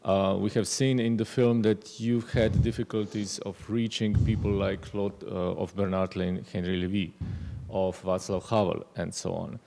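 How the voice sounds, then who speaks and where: Low gravelly guy in his 30s asking questions on a panel, handheld mic, big reverby hall. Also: little pitch movement, warm tone, slight background noise. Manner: long, measured questions. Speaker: panelist, journalism academic. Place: lecture hall stage panel.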